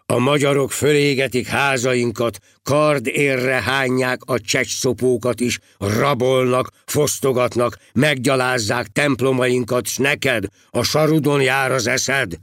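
A man's voice: mid-range voice, steady tone, hardly any pauses, a bit bright, no room sound, studio quality, close to an everyday voice. A man doing a stern, scolding abbot. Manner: scolding, commanding. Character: stern older male abbot, vexed. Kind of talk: storybook reading.

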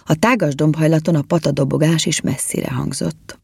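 Low, husky woman reading a storybook. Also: no echo, studio quality. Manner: lively and expressive. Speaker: narrator.

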